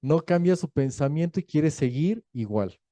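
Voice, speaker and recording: Dark-voiced pastor preaching. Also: male voice, fairly high pitch, moderate pace, dry recording. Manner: lively storytelling, acting out quoted voices; jokey, laughs between points. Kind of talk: sermon.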